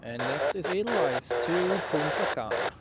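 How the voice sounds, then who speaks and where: A man's voice: on the high side, animated, moderate pace, heavy background noise. A native German-speaking man giving casual live commentary outdoors as host of a plane spotting stream. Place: outdoors near an airport.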